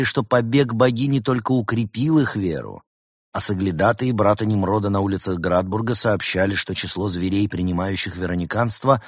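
A man narrating a fairy tale audiobook in a measured, expressive storytelling manner. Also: lowish voice, no room sound, studio quality.

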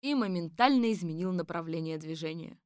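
Female audiobook narrator, dry studio, steady storytelling. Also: lowish voice, a little fast, smooth, dry recording.

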